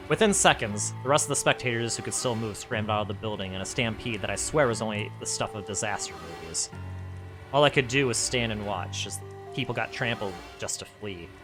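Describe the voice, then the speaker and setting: A man reading his own story aloud in an animated way, laughing at his own asides. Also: fairly low pitch.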